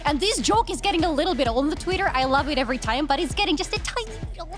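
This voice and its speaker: A woman's voice: high-pitched, animated, rapid-fire, over music. A woman on an esports analyst desk, teasing and playful in casual banter.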